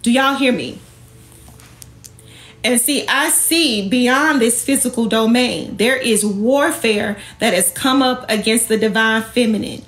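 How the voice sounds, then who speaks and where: On an impassioned livestream, a woman of Jamaican heritage, an online host and women's empowerment speaker, addresses her followers in an emphatic, colloquial way, sassy and confrontational, firing off rhetorical questions. Her voice sits on the high side, a little slow and a bit bright, in an echoey room.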